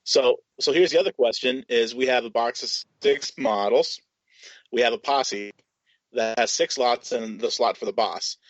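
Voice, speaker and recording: A man talks casually on a hobby podcast, chatting through game details in an informal way. His voice is medium in pitch and moderate in pace. The recording is dry, with dull, lo-fi podcast sound.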